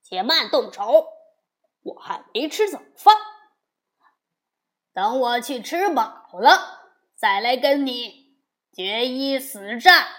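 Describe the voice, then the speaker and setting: A woman voicing a boastful male demon king in a storybook tale, talking loudly and bluntly. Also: medium pitch, takes it slowly, close to an everyday voice. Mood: blustering. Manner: loud and blustering.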